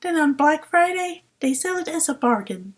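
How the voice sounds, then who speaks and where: A woman's voice: sits high, expressive, moderate pace, pitched above the performer's own voice. A woman voicing a sly male trickster who lies with a straight face, in a mock-serious, conspiratorial way.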